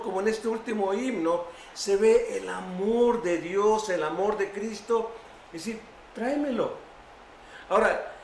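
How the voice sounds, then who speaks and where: A man's voice: high-pitched, slight background noise. A man preaching a sermon as pastor, retelling a story dramatically and acting out its voices. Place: church sanctuary. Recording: echoey church room, faint ambience.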